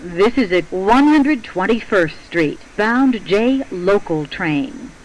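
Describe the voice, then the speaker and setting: Male subway announcer, high voice, animated intonation, formal scripted delivery, faint train noise. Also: slow, poor audio. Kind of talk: scripted automated-style transit announcements. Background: faint train ambience.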